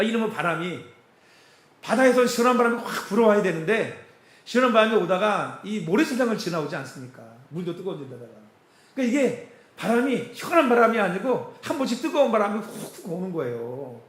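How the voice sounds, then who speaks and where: Lively, high-voiced man preaching. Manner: animated, chuckling, asks the congregation questions. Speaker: pastor. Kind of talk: sermon with casual storytelling. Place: church sanctuary. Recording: echoey church hall.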